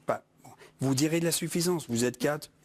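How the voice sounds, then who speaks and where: A man's voice: on the high side, moderate pace, dry recording. A man, a football pundit in a TV studio debate, giving firm opinions.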